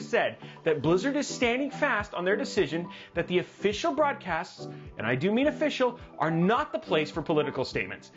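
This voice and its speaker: Man, tech news host, livestream commentary, animated and jokey, swooping delivery, muffled lo-fi sound. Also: high-pitched. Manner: animated and jokey, with dramatic asides. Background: music playing under the voice.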